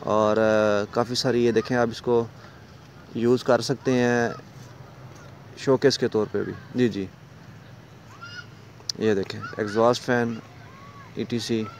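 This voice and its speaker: A property dealer with a Pakistani Urdu accent walks through a large empty rental house and its stairs, filming on a phone camera. His mid-range voice is flat and slow with frequent pauses, yet he stays salesy, repeatedly pointing things out to the viewer, over a little hiss or hum.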